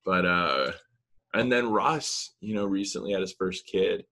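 A deep-voiced musician, a guest in a casual video-call interview, speaks unhurriedly and rambles in a relaxed way with many fillers. He is indoors in a small room with blinds, using a laptop webcam mic.

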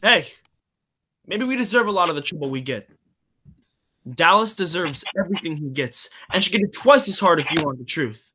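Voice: medium pitch, animated, normal speed, pushed and bright, husky. A performer playing a protective teenage greaser older brother in a school play, who speaks in a reassuring, confiding way. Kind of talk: school play read remotely.

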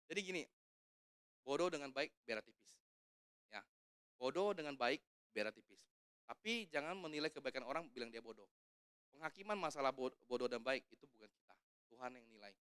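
Man, evangelist, chatty joking sermon, dry close sound, crisp voice. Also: mid-range voice, a bit bright, no echo. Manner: casual and joking, quizzes the congregation. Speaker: evangelist preaching. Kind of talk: conversational sermon. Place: church service.

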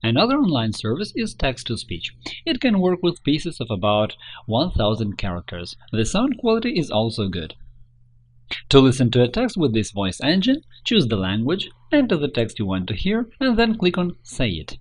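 A man presents a scripted how-to tutorial, narrating at a moderate pace. His pitch rises and falls in a very animated way as he walks through each step.

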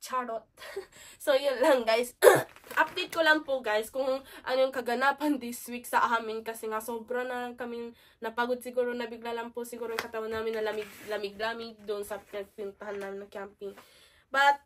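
A woman's voice: fairly high pitch, fairly even intonation, moderate pace, a bit bright, far from the mic. A woman vlogger chatting casually to her viewers while sick with a cold and cough, often calling out to them. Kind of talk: casual chat to camera.

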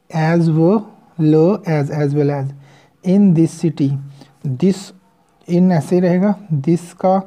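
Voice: mid-range voice, dark tone. A shorthand teacher giving a recorded lesson, explaining patiently step by step and spelling words out sound by sound.

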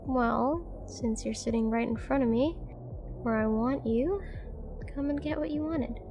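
Over music, a woman with a fairly high voice plays a confident, flirty, dangerous mercenary in a nightclub roleplay audio drama. Speaking unhurriedly, she teases and commands the listener, sounding seductive and assured.

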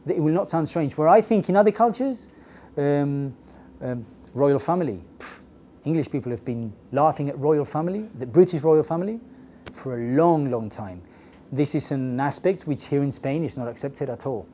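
Man teaching a class, dark mellow tone, lively, keeps saying okay and yes. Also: a little high, moderate pace, slight background noise. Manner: lively, asks the audience "okay? yes?" often. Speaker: lecturer. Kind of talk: business English class lecture. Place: classroom with projector screen. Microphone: lapel mic.

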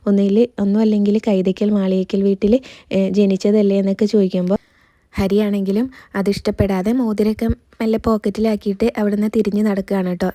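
A woman reviewer retells a serial's plot in a casual, chatty way, reading each character's lines in her own voice. Her tone is very dark and mellow, and her pitch stays flat. The recording is close and dry, with no room sound. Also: no room sound.

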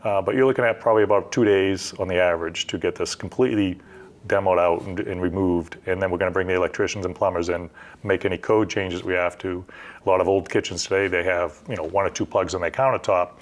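A man's voice: deep voice, steady tone, fast talker. A middle-aged man, a construction company owner, explaining the stages of a job step by step in a practical, conversational way on a TV studio set. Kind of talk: explanatory interview talk.

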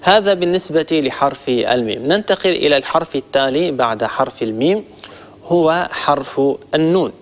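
A man gives a recitation lesson in a slightly raised voice, going step by step and slowing down to demonstrate each sound. He speaks to his listeners as a group. The recording carries a long reverb and a dull, lo-fi tone. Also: fairly high pitch, expressive. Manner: addresses listeners warmly as a group. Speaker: Quran recitation teacher. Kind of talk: instructional lesson on pronunciation.

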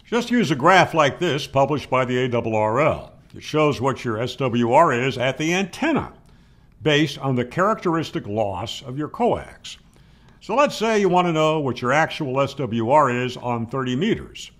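Recorded indoors at home on a close, boom-arm studio microphone, this amateur radio instructor and host, aged around 60s or 70s, walks through a tutorial. His mid-range voice has lively intonation and a moderate pace, and he explains plainly and emphatically, posing questions and answering them himself.

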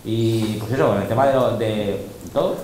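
A man's voice: fairly low pitch, normal speed, a little mellow. Emphatic man in a very echoey room. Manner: emphatic, boastful storytelling with acted-out quotes. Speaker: DJ and teacher. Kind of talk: casual talk to students. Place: large school room with students. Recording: very echoey room, faint noise.

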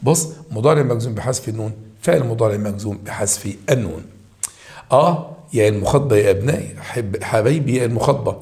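A man with an Egyptian accent teaches a grammar lesson at a quick clip. His voice sits at a medium pitch, and he talks emphatically, hammering key points home and addressing his students directly. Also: a little mellow. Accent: Egyptian Arabic. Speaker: high school Arabic teacher. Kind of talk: walking through grammar homework answers.

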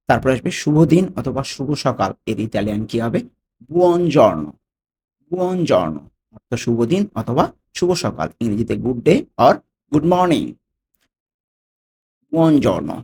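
A man with a Bangladeshi Bengali accent teaches a language lesson phrase by phrase, repeating each phrase slowly and often asking whether the listener has it. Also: medium pitch, a little mellow, slight background noise.

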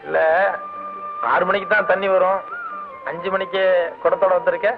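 A man's voice: high-pitched, level tone, moderate pace, over music. A young actor playing a cheeky lad who teases a girl and dodges a scolding. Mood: teasing. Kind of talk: 1980s film acting. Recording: dull old film soundtrack.

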